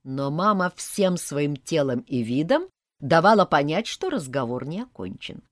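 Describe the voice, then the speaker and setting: A woman's voice: sits low, very animated, unhurried, dry recording, studio quality. Woman narrating a wry audiobook. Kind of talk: expressive first-person audiobook narration.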